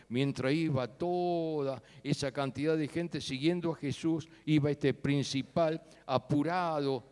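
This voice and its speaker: Man, sermon, animated delivery, slightly high voice, long church reverb. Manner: animated storytelling with sudden loud and soft turns. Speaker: preacher. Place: church sanctuary.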